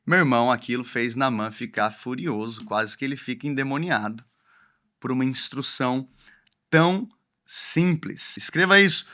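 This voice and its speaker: A man's voice: mid-range voice, normal speed, bright, forceful tone. A man preaching a sermon, emphatic and repeating key phrases for his listeners to write down.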